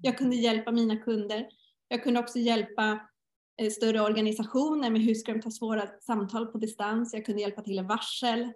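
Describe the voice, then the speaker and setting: A woman's voice: on the high side, level tone, darkish tone. A middle-aged woman in a casual podcast conversation, telling personal stories and acting out her inner dialogue. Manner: storytelling, acts out inner dialogue. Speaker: guest teacher. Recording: roomy echo.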